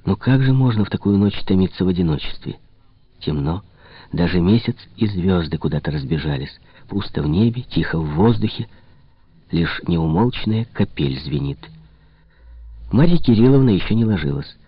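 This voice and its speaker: A man with a very deep, husky voice narrates a literary audiobook, measured and expressive. The recording is dry and close, with a slightly dull, lo-fi tone. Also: no echo.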